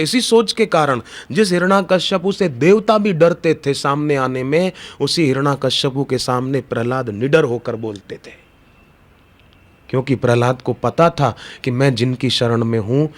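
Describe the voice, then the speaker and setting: Middle-aged guy preaching at a satsang, slow and sing-song, stretches out the verses. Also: mid-range voice. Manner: slow, drawn-out sung verses between storytelling. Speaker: spiritual preacher. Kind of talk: devotional satsang discourse.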